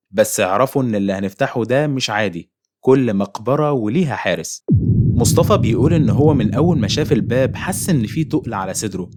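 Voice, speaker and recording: A man's voice: mid-range voice, darkish tone. A man with an Egyptian accent narrating a horror story in a dramatic, ominous way. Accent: Egyptian Arabic. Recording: noisy home recording.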